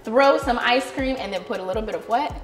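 A woman's voice: on the high side, brisk, soft background music. Bubbly young woman co-hosting a TV show. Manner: bubbly, enthusiastic, laughs often. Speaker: co-host. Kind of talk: upbeat TV cooking show hosting. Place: TV studio set with city backdrop. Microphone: lapel mic.

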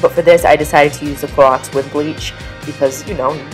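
A woman in her thirties chatting casually as she narrates her cleaning, practical and relaxed. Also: sits low, brisk, faint music behind. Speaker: cleaning vlogger.

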